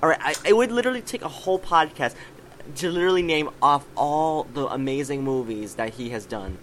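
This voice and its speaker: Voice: medium pitch, expressive, a little fast, a bit bright. A podcast co-host telling a story animatedly, full of fillers like "you know" and "like". The voice sits in a middle register, with a faint hiss behind it. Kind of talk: casual chat.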